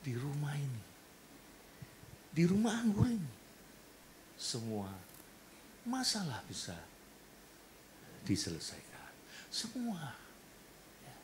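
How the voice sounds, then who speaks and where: A man with an Indonesian accent preaching a sermon in a church, animated and acting out the people in his stories. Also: a little high, takes it slowly, pauses often, slight background noise. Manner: animated, acts out quoted voices and jokes. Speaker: pastor. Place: church hall.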